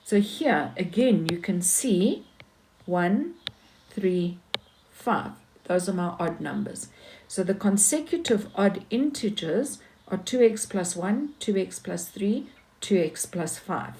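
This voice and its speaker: Casting note: unhurried female maths teacher, methodical and repetitive, faint hiss behind. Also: medium pitch, expressive, darkish tone. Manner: patient, talks through each step, repeats herself. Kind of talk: explaining maths step by step.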